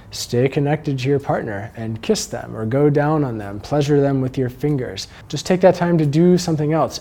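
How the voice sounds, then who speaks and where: A man giving a calm, earnest instructional talk, slowing down and dropping his voice to stress a point. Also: medium pitch. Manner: calm, earnest, slows and softens for emphasis. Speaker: sex educator.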